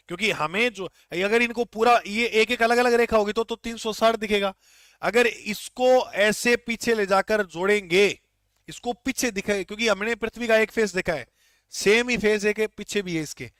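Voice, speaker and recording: A man's voice: sits high, fairly bright tone, dry recording, clean studio sound. A man teaching an online geography class, repeating key points and quizzing his students.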